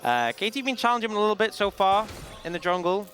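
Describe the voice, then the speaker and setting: A man's voice: high voice, sing-song, fast talker, a bit bright, faint music behind. A young British man casting a live esports match, joking and laughing through the play-by-play. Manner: playful banter, laughs often. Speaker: esports caster.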